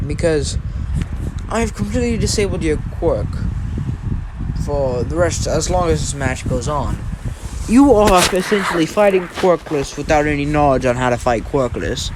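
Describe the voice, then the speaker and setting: Voicing a smug teenage superhero student with an evil smile in an anime-style story, a man mocks the hero's rival with drawn-out, condescending taunts. His voice is somewhat high with lively intonation and close to an everyday sound, with some background noise.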